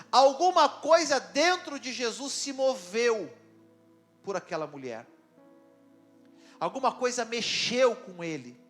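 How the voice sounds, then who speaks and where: Male pastor, very high voice, dramatic conversational sermon. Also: a bit bright. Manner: dramatic, conversational, with questions to the congregation. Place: church.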